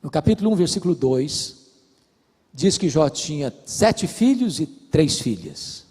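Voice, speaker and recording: A man's voice: on the high side, big pitch swings, a little slow, darkish tone, slightly rough, in a large hall. A man preaching a sermon as pastor, telling stories and acting out the dialogue. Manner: storytelling preacher, acts out dialogue. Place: church.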